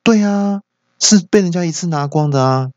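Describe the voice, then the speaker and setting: Man doing a shrill, excitable hotpot shop owner. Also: moderate pace, no room sound, lo-fi sound, lightly acted. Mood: agreeing.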